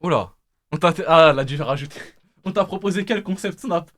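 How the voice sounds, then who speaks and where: A man's voice: fairly high pitch, a little fast, fairly bright tone, no echo, studio quality. A young man hosting a live stream, teasing his guest and laughing often. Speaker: host.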